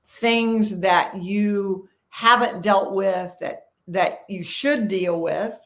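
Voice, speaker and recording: A woman's voice: medium pitch, drawn-out words. An older woman, a professional organizer, talking in an earnest, emphatic and reflective way in a casual conversation.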